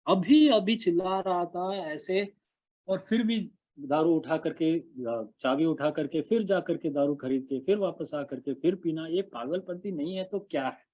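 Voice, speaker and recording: Man from India, earnest halting testimony over an online call, dark relaxed timbre. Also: on the high side. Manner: halting, earnest, many fillers and restarts. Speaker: recovering alcoholic sharing at a meeting. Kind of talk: personal testimony at an online support meeting. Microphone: online call microphone.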